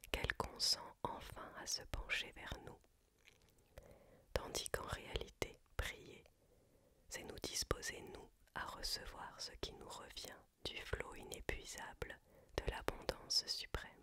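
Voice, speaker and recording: Slow hushed library whisper, ASMR reading. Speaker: reader. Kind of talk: whispered ASMR reading of a spiritual self-help book.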